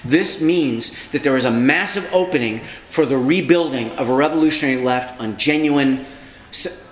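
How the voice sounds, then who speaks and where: In an echoey room with faint background noise, a man with a fairly high voice tells stories about his past socialist organizing. He's animated and conversational, slipping into impressions of the people he quotes.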